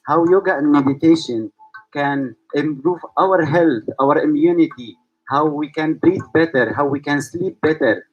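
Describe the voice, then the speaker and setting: Speaking reflectively to an online audience, the Syrian founder and host of a yoga school keeps returning to rhetorical questions. His voice is a little high, and the recording sounds muffled.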